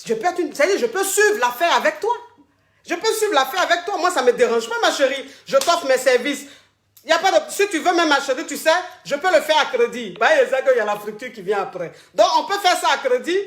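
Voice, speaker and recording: A high-pitched woman talks a caller through her troubles, teasing and dramatic, looping the same phrases again and again. Her voice rings in a noticeably echoey room. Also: lively intonation, fairly quick. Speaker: host coaching callers. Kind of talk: casual advice call. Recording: roomy echo.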